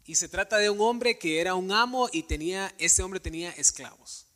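A man's voice: sits high, normal speed, bright, forceful tone. A man preaching a sermon to a congregation, earnest and questioning, addressing the listeners directly. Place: church sanctuary with live congregation. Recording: long hall reverb.

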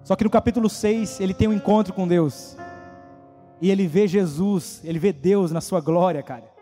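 A man preaching a casual youth sermon, animated and slangy, often acting out quoted voices. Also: sits high, moderate pace, long reverb tail, soft background music.

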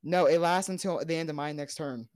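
A woman's voice: low voice, a little fast, darkish tone, dry recording. A woman playing in a tabletop game, talking bluntly with casual swearing and a few stumbles. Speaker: player.

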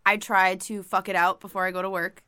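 A woman's voice: medium pitch, level tone, brisk, pushed and bright, smooth. A woman guest on a comedy podcast, talking frankly and telling candid stories in casual chat. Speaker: touring musician guest.

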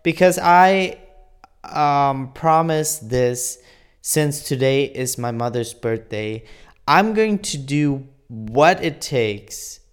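Slow-talking earnest young man. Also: mid-range voice, lively intonation, smooth. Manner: rambling and earnest, many restarts. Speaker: vlogger. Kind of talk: casual daily vlog.

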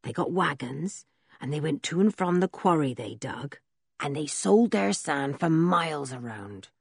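A woman voicing an old male village blacksmith who tells a story slowly and in a rustic way, with a husky voice. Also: deep voice, animated, no room sound, clean studio sound, exaggerated voice. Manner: slow, drawn-out, rustic storytelling. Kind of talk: audiobook character reading.

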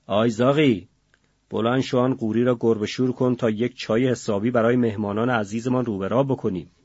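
A man's voice: medium pitch, husky, no echo, muffled recording, close to an everyday voice. A man voicing a brazen older male street-tough prisoner in an audiobook, with a drawling, cocky, mock-sweet way of talking. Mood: mock-welcoming.

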